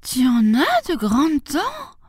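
Woman doing a high little girl in red. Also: wildly swooping pitch, slow, a little mellow, no room sound, studio quality, full character voice. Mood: astonished. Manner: high and wide-eyed.

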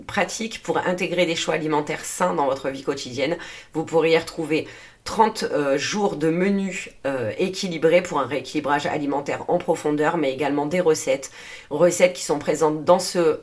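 A woman hosting a solo podcast, explaining her subject earnestly, with frequent hesitations and self-corrections and a dry throat. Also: sits low. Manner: earnest, steady delivery with frequent "euh" fillers and self-corrections. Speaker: podcast host and naturopathy coach.

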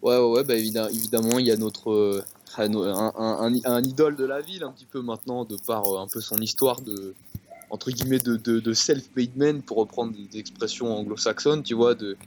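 A man's voice: medium pitch, brisk, darkish tone, a little hiss or hum. A man, a guest football specialist on a casual podcast, rambling and repeating words. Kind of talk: casual sports podcast chat.

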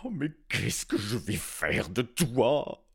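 A blustering, grumpy old king bellows his frustration in a children's storybook, as a man puts him on. The voice is loud and pushed up high when he shouts. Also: very animated, slow pace, creaky, breathy edge, exaggerated voice. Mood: exasperated.

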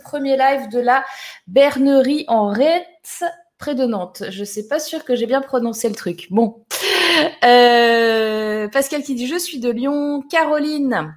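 A woman hosting a live stream, chatting casually and greeting viewers by name. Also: high voice. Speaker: live show host.

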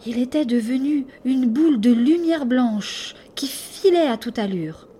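Expressive woman reading a bedtime story. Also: a little slow, a little hiss or hum. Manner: expressive, sweeping pitch, hushed passages.

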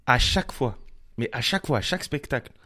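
A man hosts a loose comedy podcast chat, his pitch rising and falling freely. He cracks crude jokes and keeps pushing to the next question. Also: quick pace. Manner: animated, crude joking, steers to next question. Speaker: podcast host.

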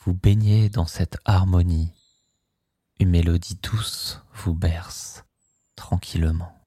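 A man guiding a sleep hypnosis session, speaking in a slow, soothing, hushed way. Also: deep voice, steady tone, husky, dry recording, clean studio sound.

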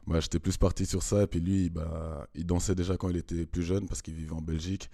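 A man's voice: sits low, little pitch movement, fairly quick, creaky, dark tone, dry recording, studio quality. A man in his thirties, a dancer and choreographer, chatting casually as an interview guest with easy laughs and hesitant fillers. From Congo, raised in Switzerland.

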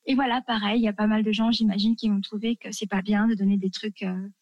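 In a casual chat, a French woman guest eagerly shares food tips, her talk full of fillers and asides. She speaks fast at medium pitch in a level, slightly mellow tone; there's no echo, but the highs are cut off.

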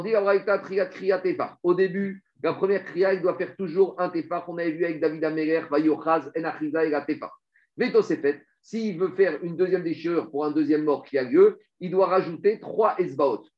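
Guy teaching talmud, high voice, talks fast and lively, kinda muffled recording. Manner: animated, rapid explanations mixing French with Hebrew and Aramaic readings. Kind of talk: Talmud study lesson. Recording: dull lo-fi recording.

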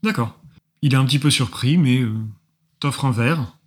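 A man narrating as game master of a tabletop role-playing game, often pausing with fillers. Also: mid-range voice, slightly rough. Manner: hesitant narration with frequent fillers.

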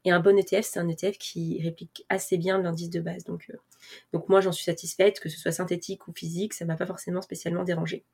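A personal finance vlogger talks casually to camera, explaining things step by step in a lowish, fast, creaky voice that is darkish, breathy and fairly flat in pitch. Fillers and restarts abound, and she laughs at herself now and then in a self-mocking way.

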